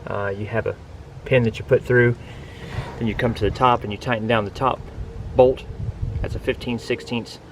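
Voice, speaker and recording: An RV vlogger beside a pickup truck bed outdoors walks through a product in a casual, plain-spoken, instructive way. His mid-range voice holds a steady tone at a moderate pace, with a little hiss or hum on the recording.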